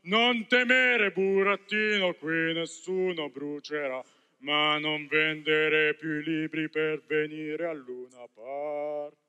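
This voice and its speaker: A male student actor playing a blustering, soft-hearted puppet master in a school stage musical, theatrical and melodramatic. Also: fairly high pitch, fairly even intonation, slow pace, clear, resonant tone, dull audio. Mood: gruff. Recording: reverberant theater hall.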